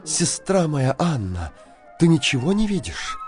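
A man's voice: fairly high pitch, big pitch swings, a little slow, faint music behind, pitched above the performer's own voice. Man putting on a frightened pleading young wife. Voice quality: raised, pleading voice.

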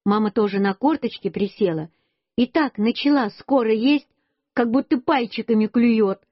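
A woman reading a children's story aloud, slow and expressive in a childlike storytelling manner. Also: a little high, no echo. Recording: dull lo-fi dry recording.

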